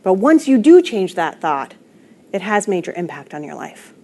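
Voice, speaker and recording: A woman's voice: medium pitch, big pitch swings, moderate pace, dark tone. A woman wellness coach giving an online presentation in an earnest, emphatic teaching tone, speaking into a computer microphone.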